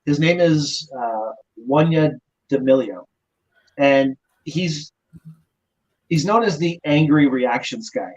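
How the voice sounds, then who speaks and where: A man's voice: a little high, takes it slowly. A man co-hosting a podcast, rambling casually with hesitant fillers. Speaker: podcast co-host. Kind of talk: casual chat. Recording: muffled lo-fi sound.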